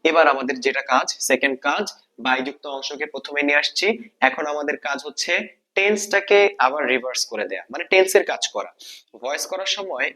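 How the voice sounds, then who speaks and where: Slightly high, his voice sounds pushed and bright. A Bangladeshi-accented man walks through an exam-prep grammar lesson one step at a time, asking himself questions, answering them, and going over the main points again.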